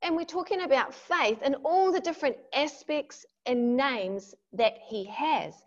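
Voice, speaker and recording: An earnest woman with a somewhat high voice leads a devotional talk over a video call. She retells a scripture story vividly. The call audio is dull and lo-fi. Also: expressive, measured pace. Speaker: devotional workshop leader. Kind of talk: devotional talk with Bible reading.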